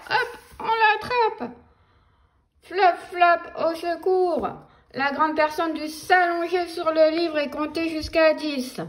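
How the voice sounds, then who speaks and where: A woman reading a children's book aloud in a playful, animated storytelling voice with sound effects. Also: high-pitched. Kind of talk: expressive read-aloud for children.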